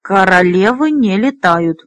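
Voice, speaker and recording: A woman's voice: medium pitch, big pitch swings, moderate pace, no room sound, clean studio sound. A woman voicing a stubborn, grumpy older male dragonrider who answers curtly, in a fantasy audiobook. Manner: curt and stubborn.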